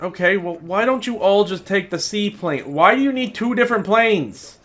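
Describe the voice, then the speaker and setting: A man's voice: high voice, animated, normal speed, a bit bright. A man giving exasperated, sarcastic and profane commentary as he reviews a video game.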